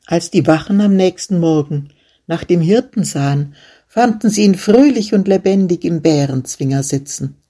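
A storyteller reading a fairy tale aloud as scripted narration, slowly and deliberately. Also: mid-range voice, expressive, mellow.

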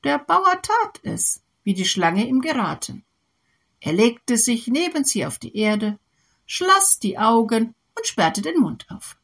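A woman reading a fairy tale aloud in slow, lilting storybook narration. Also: on the high side, very animated.

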